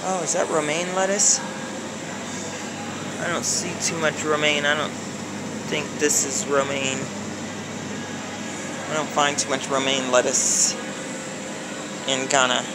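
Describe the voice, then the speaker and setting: A middle-aged American woman vlogs a shopping trip on a handheld phone, chatting casually and thinking aloud among supermarket aisles with humming coolers. Her voice is low with little pitch movement and a slow pace with long pauses, and the recording carries a noisy background hum.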